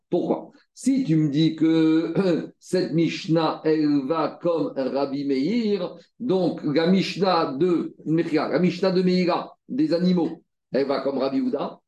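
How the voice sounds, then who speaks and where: A man's voice: a little high, dark tone, highs cut off. A man teaching a Talmud study lesson. He explains the text step by step, repeats his phrases and asks rhetorical questions. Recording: roomy echo.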